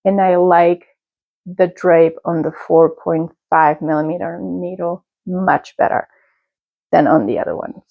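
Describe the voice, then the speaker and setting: A European woman whose first language is Czech hosts a knitting podcast, chatting in a casual show-and-tell way. Her voice is lowish and gravelly, and she speaks slowly and unhurriedly, making small self-corrections. The sound is dry, lo-fi, and slightly dull.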